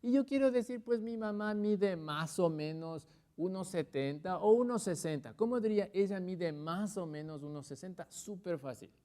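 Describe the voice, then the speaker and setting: A man teaching English on a TV lesson, pronouncing English phrases slowly and carefully. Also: high voice, expressive, dark tone. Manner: slow, drawn-out model phrases in English. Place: TV studio.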